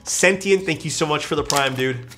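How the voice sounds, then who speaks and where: Over music, a young man with a blocked nose streams casually, putting together a keyboard and reading the chat. He speaks at a normal speed in a fairly high, nasal voice.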